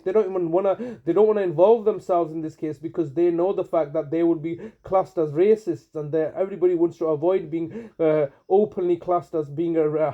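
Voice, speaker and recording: A man leaving a long voicemail over a phone line, speaking in an insistent, accusing way with many halting restarts. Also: high-pitched. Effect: heard over a phone line. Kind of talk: long recorded phone message.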